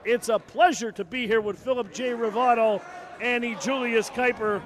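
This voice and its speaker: A man's voice: very high voice, steady tone, normal speed, fairly bright tone. A man working as a wrestling commentator, calling live play-by-play in clipped bursts of move descriptions. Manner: narrates moves in clipped bursts. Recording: noisy event-hall recording.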